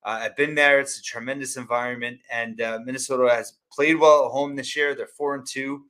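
A man hosting a sports preview, talking off the cuff through stats in a halting way. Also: medium pitch, steady tone, fairly bright tone. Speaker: sports podcast host.

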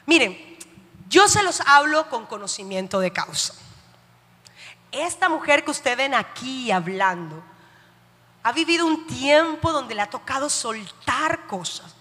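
A woman preacher delivers an emphatic sermon, often asking her listeners questions. Her voice is high and bright. A long hall reverb follows her in the church. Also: very animated, measured pace, breathy edge.

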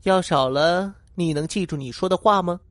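A man's voice: sits high, moderate pace, no room sound, natural voice. A man doing a nervous pleading businessman. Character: panicked scheming young businessman.

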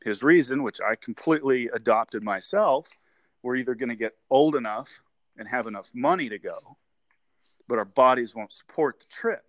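A man's voice: mid-range voice, normal speed, no room sound. A man of forty talks through a story on a casual interview show, looping back and repeating words as he goes, laughing now and then. His voice sits in a middle range and the sound is close and dry, with no room around it. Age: 40s. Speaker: guest.

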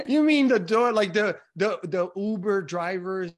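An American man hosts a podcast, conducting an interview in a loose, rambling style full of repeated words. His voice is high and animated, but he takes his time.

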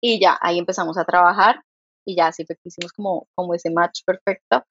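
A Colombian woman with a mixed Santander and Bogotá accent, a guest telling a lively story and quoting herself as she goes. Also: lowish voice, brisk, breathy edge, muffled recording. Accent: Colombian, mix of Santander and Bogotá. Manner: animated, quotes herself, laughs often. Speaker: podcast guest, company founder. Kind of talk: casual interview storytelling.

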